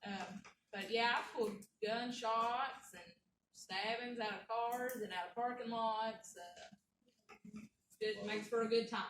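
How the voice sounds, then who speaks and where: A woman's voice: on the high side, fairly even intonation, slow. A woman giving a folksy, chatty nursing lecture in a classroom. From Kentucky. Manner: folksy, chatty, stops for war stories. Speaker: nursing instructor. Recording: roomy classroom, mic far off, noisy.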